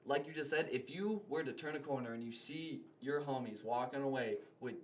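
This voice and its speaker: A man's voice: medium pitch, brisk. A young man, a podcast guest, telling a story in casual, rambling talk full of filler words.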